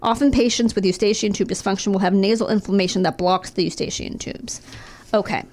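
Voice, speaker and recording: A profane, sardonic woman co-hosting a casual chat reads out notes about her throat surgery recovery. She keeps a brisk pace at medium pitch, breaking off for deadpan, wry asides.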